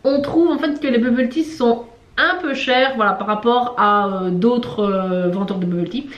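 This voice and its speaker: A woman with a higher voice speaks at a moderate pace, and the audio is roomy and lo-fi. She co-hosts a travel vlog, guiding in a casual, chatty way, dropping lots of fillers and laughing at herself.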